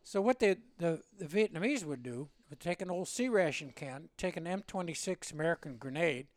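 A man in his seventies from Illinois, a veteran telling a war story in an interview, rambling and animated. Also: fairly high pitch, brisk, no room sound. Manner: rambling and animated, with laughs and acted-out quotes. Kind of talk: oral-history storytelling.

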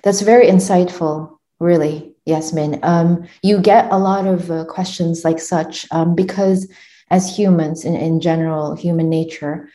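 A woman's voice: lowish voice, fairly even intonation, a little slow. A woman hosting a podcast interview, introducing her guest formally and asking follow-up questions. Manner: warm formal hosting, frequent backchannel mm-hmms. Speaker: podcast host.

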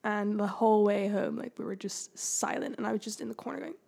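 A young woman hosting a podcast, chatting casually and telling animated stories full of fillers. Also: mid-range voice, a little fast, gravelly. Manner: animated storytelling, many fillers. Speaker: podcast host. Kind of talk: casual chat.

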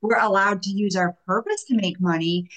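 Woman host, effusive and heartfelt, medium pitch, conversational interview. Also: normal speed, a bit bright, low-quality recording. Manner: effusive, emotional reactions. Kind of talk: podcast interview.

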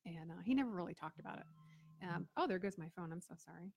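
A woman's voice: fairly low pitch, lively intonation, quick pace, creaky, a little mellow, breathy edge. A middle-aged woman from Florida, a guest chatting casually and acting out the voices of people in her stories. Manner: chatty, acts out quoted voices. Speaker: guest, business owner and veteran. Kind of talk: casual storytelling interview.

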